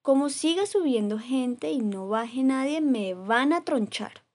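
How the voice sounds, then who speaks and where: A woman voicing a weary tree in a children's story, grumbling its thoughts in a low voice. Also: expressive, a little slow, darkish tone. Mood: fed up. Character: weary old tree, fed up.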